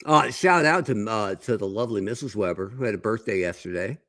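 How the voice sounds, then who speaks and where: Wry gravelly-voiced man, podcast co-host. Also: on the low side, animated, fairly quick, a bit bright, dry recording. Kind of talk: casual podcast chat.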